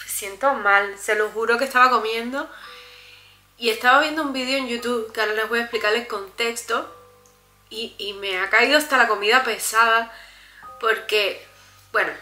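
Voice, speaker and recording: A woman's voice: on the high side, moderate pace, sharp tone, soft background music. A young Cuban woman with a Cuban Spanish accent, talking earnestly and emphatically to her viewers in a casual vlog. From Cuba. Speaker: vlogger. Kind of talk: casual vlog talk to camera. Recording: echoey room.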